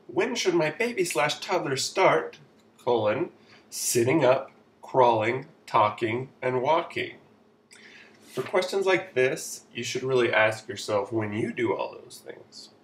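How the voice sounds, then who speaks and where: A comedy vlogger with a mid-range voice dishes out sarcastic, mock-authoritative parenting advice. He sits far from the mic, so the recording is off-mic with roomy echo and faint noise.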